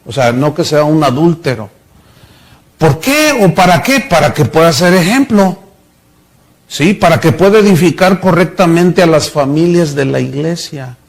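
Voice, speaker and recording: Gravelly high-voiced male preacher. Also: animated, normal speed. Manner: storytelling preacher, acts out voices in anecdotes. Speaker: pastor. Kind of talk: sermon.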